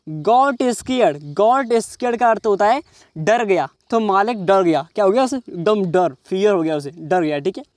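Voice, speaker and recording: Studio-quality audio with no room sound captures a man whose voice sits high and has lively intonation. He teaches English reading by slowly pronouncing each word and explaining it in Hindi, regularly checking with "समझ रहे हो" whether the listener understands.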